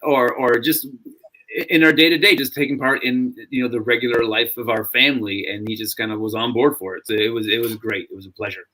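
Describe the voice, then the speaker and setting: A man hosts a relaxed podcast chat. His voice sits at an ordinary middle pitch. He tells long stories, often stopping and starting his sentences over. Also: brisk. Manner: rambling storyteller, frequent restarts. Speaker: podcast host.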